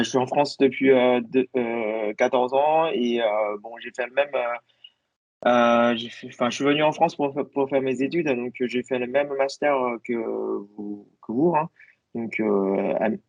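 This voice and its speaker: A man whose first language is Chinese speaks over a video call, his voice gravelly and close and dry. He talks haltingly, with frequent fillers. The call audio sounds dull and lo-fi. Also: medium pitch, darkish tone, no echo. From China. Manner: hesitant, many fillers. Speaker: guest speaker, agency founder. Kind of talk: webinar presentation.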